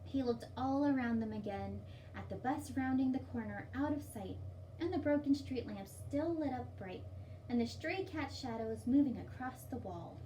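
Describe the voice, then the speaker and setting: A woman's voice: fairly high pitch, animated, moderate pace, mellow. A woman presenting storytime for young children, reading and explaining in simple, child-directed language. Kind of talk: storybook read-aloud and singalong instruction for young children. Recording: distant mic, light background noise.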